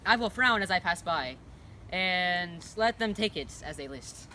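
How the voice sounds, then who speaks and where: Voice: medium pitch, lively intonation, unhurried, bright, forceful tone, poor audio. An amateur performer playing a hot-headed servant spoiling for a fight in a school Shakespeare parody. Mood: taunting. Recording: faint background noise.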